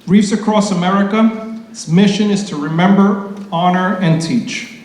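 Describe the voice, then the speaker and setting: Guy emceeing a ceremony, kinda high voice, super echoey hall with long reverb. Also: a little slow, darkish tone. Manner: formal announcing with loose off-the-cuff asides. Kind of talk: public ceremony speech.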